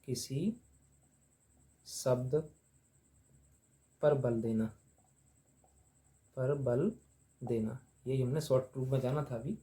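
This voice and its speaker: A man teaching a grammar lesson, who asks and answers his own questions and repeats each term slowly while writing on the board. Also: medium pitch, dark tone.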